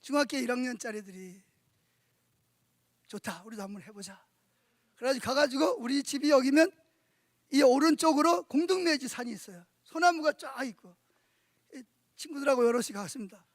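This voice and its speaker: A middle-aged male pastor preaching a sermon at a church conference, telling stories in an animated way and often asking the congregation rhetorical questions. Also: extremely high pitch, a little fast, no room sound, clean studio sound.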